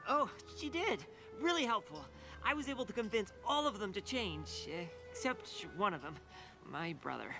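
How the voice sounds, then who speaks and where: A man's voice: high-pitched, very animated, normal speed, creaky, over music, heavily acted. An actor voicing a kind young male changeling ruler in a cartoon, earnest and eager to please. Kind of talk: cartoon voice acting.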